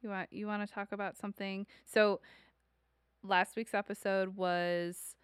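A woman's voice: medium pitch, flat delivery, measured pace, smooth, no room sound, studio quality. A young adult woman co-hosting a casual podcast, earnest and laughing easily. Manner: earnest, reads aloud then laughs easily. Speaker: podcast co-host.

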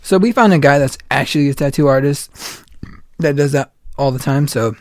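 A man in his late twenties hosts a casual podcast, rambling along with plenty of "like" and retold quotes. His voice is mid-range and a little fast.

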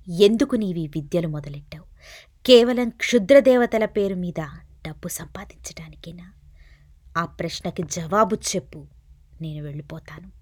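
A woman voicing a stern male crime inspector who speaks loudly and presses hard with questions and warnings. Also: fairly high pitch, voice pushed up. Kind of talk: audiobook character reading.

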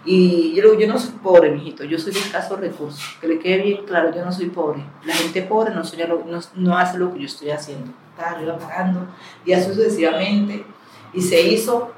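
A middle-aged woman from Cali, Colombia, with a Cali accent, telling her story as a community leader, frank and lively, acting out the dialogue she quotes. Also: low-pitched, slight background noise. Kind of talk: storytelling talk. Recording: echoey room, mic at a distance.

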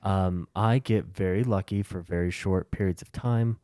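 Casting: young male podcast co-host, very low warm voice, dry close mic, easygoing and rambling. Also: moderate pace, no room sound. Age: young adult. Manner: relaxed, rambling, with many restarts. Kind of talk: casual chat.

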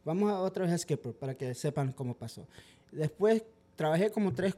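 A dog trainer guest telling stories in lively, casual podcast talk. He is a man with a mellow, somewhat dark voice pitched a little high, and he drops English words into his sentences. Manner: animated storyteller, mixes in English words.

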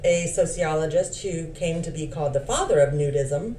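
A podcast co-host with a low, mellow voice reads history notes aloud, animated and at normal speed, her pitch swinging widely. She tosses playful asides between the facts, and the recording sounds roomy and slightly distant with a faint hiss.

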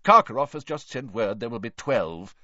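A man's voice: mid-range voice, expressive, moderate pace, bright, forceful tone, no room sound, dull audio. A man voicing an exhausted, deranged older wizard official in an audiobook, rambling and gasping with effort. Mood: manic rambling. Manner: muttering, gasping, broken effortful speech.

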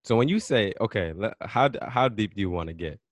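Deep-voiced young man hosting a podcast. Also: expressive, fairly quick, no room sound. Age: 20s. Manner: earnest, stumbles and repeats words. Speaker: podcast host. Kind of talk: casual interview.

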